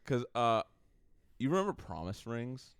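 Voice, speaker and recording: A man in his late twenties co-hosting a podcast, chatting casually and telling stories in a joking, animated way. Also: medium pitch, unhurried, clean tone, dry recording, clean studio sound. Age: late 20s. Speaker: podcast co-host. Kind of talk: casual chat.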